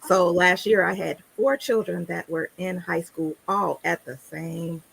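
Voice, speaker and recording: A middle-aged woman from the south side of Chicago, a guest author on a video call interview, who speaks in a measured way and pauses often with "um.". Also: on the low side, fairly even intonation, gravelly, fairly bright tone, husky, poor audio. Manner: measured, pausing with "um".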